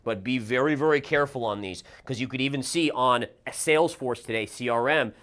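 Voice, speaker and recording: A man hosting a trading show walks through stock charts in brisk, live commentary. He thinks out loud and reacts as he reads the numbers, at an ordinary mid pitch. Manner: brisk, reacts aloud while reading charts. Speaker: market analyst host.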